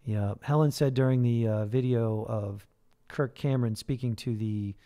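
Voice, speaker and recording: A man's voice: medium pitch, steady tone, normal speed, mellow. A man hosting a ministry livestream, talking casually and leading an earnest spoken prayer, with fillers and restarts. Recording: livestream broadcast.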